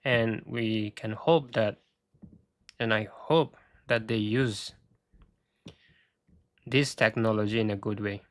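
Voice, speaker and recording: Male host, low and slow, hesitant, thinking aloud, voice wearing out. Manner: halting, thinking aloud with restarts. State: losing his voice. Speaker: tech video host. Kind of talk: casual screen-share walkthrough.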